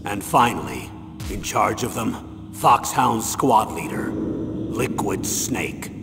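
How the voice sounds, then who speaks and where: An actor playing a stern, insistent veteran colonel with a gravelly voice, giving an authoritative military mission briefing in a video game. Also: male voice, fairly low pitch, expressive, heavily acted. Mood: grave, informative. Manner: measured, authoritative briefing delivery. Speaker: commanding officer. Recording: long reverb, music behind. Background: music.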